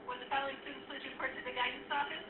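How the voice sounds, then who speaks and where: High-voiced woman paging on a school intercom; distant, tinny loudspeaker with background hiss. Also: fairly even intonation, very fast. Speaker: guidance office caller. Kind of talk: calling students to the office.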